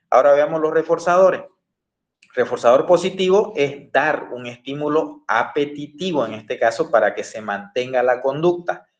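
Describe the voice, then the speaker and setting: A man giving a classroom lecture, explaining with everyday examples and often asking the class for agreement. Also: mid-range voice. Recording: echoey room.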